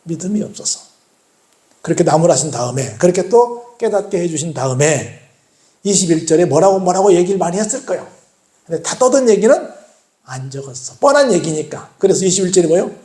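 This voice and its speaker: Guy pastor preaching, quizzes the congregation then answers himself, high voice, echoey church. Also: animated, brisk, mellow. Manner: asks the congregation rhetorical questions and answers them. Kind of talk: sermon. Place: church sanctuary.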